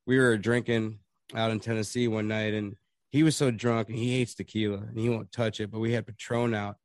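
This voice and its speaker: A man's voice: lowish voice, level tone, brisk, no room sound, clean studio sound. A man on a podcast telling long rambling stories in casual chat, laughing often. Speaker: podcast guest.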